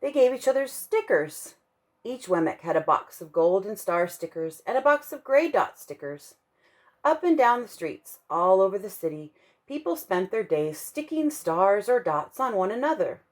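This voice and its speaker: A woman with a medium-pitched voice reads a children's bedtime story aloud for a church kids' ministry. She reads expressively and slows down to stress the key moments.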